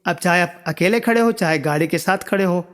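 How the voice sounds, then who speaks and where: A man's voice: high-pitched, a bit bright, big-room sound. A man teaching words of a language to viewers, patiently repeating each word and checking that they understand. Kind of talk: spoken language lesson.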